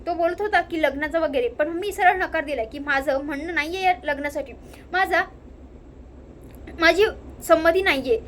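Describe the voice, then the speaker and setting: A woman's voice: very high-pitched, normal speed, fairly bright tone, slight background noise. A woman retelling a story, quoting a frightened young woman who argues back. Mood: chatty. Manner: retold quote in narrator's own voice.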